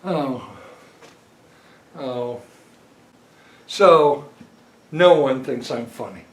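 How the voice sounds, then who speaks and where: A man's voice: medium pitch, very slow. An older man playing a defensive banker husband who insists that he is funny. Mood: hurt. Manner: indignant, defensive. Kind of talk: film drama acting. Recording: roomy echo.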